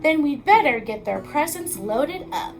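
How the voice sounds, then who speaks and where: Woman as jolly old storybook Santa, hearty, blustering, high-voiced, unhurried, exclamatory. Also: big pitch swings, exaggerated voice.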